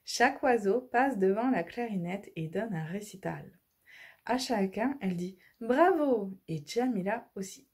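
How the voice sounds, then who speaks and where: A woman reading a children's audiobook, lively and expressive. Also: mid-range voice, moderate pace, husky. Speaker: storyteller.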